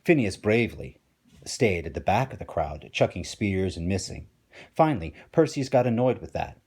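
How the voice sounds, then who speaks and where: Husky, low-voiced man reading a story aloud. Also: very animated, normal speed, a little mellow. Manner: playful, wry asides to listeners. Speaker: teacher.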